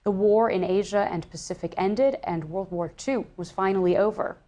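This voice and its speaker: A woman's voice: mid-range voice, normal speed, dark tone. A woman presenter reading a scripted introduction to a news feature.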